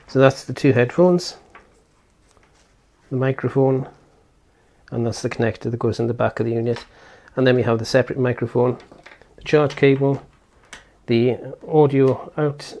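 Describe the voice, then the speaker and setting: A tech reviewer and presenter with a medium-pitched, dark-toned voice gives casual, hands-on product commentary. He explains things step by step, thinking aloud in an informal way.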